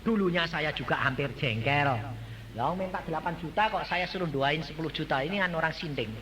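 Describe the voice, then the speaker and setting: A man's voice: fairly high pitch, fairly quick, a little hiss or hum. A male evangelist preaching a sermon, telling stories with playful laughing asides and quizzing the congregation. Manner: animated storytelling, quizzing the congregation.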